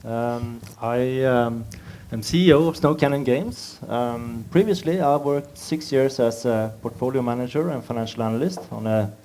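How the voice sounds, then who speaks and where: A man introduces himself in front of an audience. His voice is dark and mellow at an average pitch, delivered plainly with halts, in a slightly noisy live room. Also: normal speed, few pauses. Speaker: chief executive, panelist. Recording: live room with faint noise.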